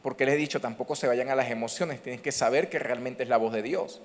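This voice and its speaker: A man's voice: mid-range voice, steady tone, quick pace. A man preaching a sermon as pastor, calling out emphatically to his congregation. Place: church hall. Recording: church hall reverb.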